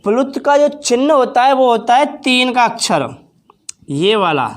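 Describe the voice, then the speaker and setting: A woman teacher giving a slow, careful exam-prep grammar lesson in Hindi, drawing out vowel sounds as examples and talking to viewers as friends. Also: a little high, sing-song. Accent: Hindi, from northern India. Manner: addresses viewers as friends, anticipates their questions.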